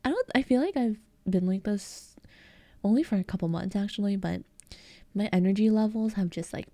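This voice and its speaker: A young woman streamer chatting casually on a close mic, soft-spoken and giggly, rambling with lots of fillers. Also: medium pitch, brisk, dry recording. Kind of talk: casual ASMR stream chat.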